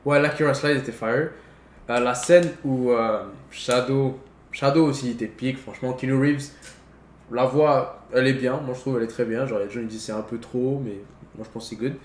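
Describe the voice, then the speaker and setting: In an echoey room with faint noise in the background, a young man talks about movies in a heavy, casual conversation. He speaks briskly in a mid-range voice with fairly even intonation, using slang and sprinkling in English words.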